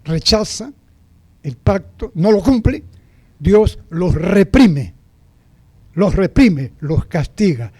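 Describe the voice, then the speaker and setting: A man preaching a sermon as pastor, animated, repeating phrases for emphasis and putting questions to the congregation. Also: sits high, slow, pauses often, slightly rough.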